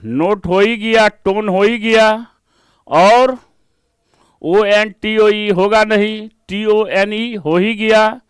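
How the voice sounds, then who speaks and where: A man's voice: sits high, clear, resonant tone, no room sound. A man with an Indian accent teaching an exam-prep reasoning lesson, explaining step by step in mixed Hindi and English and checking in with rhetorical questions.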